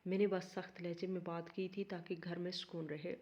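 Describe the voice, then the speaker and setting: A woman's voice: on the low side, little pitch movement, a little mellow, lo-fi sound, lightly acted. A woman reading the lines of a young husband who is torn and pleading, in a strained, earnest voice.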